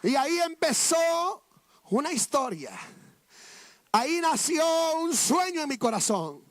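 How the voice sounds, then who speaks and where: A man's voice: extremely high pitch, very animated, a little slow, dry recording, clean studio sound. A man preaching a sermon testimony, fervent and repetitive, often calling out to his listeners as brothers.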